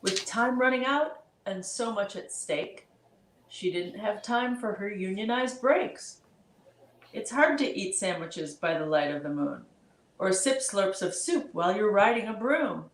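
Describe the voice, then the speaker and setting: A woman's voice: mid-range voice, expressive, measured pace. A woman reading a rhyming picture book aloud to children, with chatty asides to the kids. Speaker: storybook reader. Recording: roomy echo.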